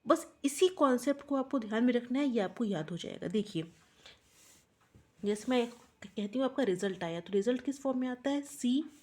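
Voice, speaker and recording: A woman teaches biotechnology for exam prep, guiding students through a pathway and a mnemonic step by step while often checking in with "okay." Her fairly high voice is animated, brisk and a little mellow.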